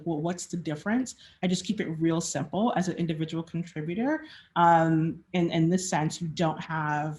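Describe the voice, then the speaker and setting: A woman's voice: on the low side, darkish tone. A woman giving a conversational presentation at a design meetup. She speaks frankly, with frequent fillers and restarts, and acts out quoted questions along the way.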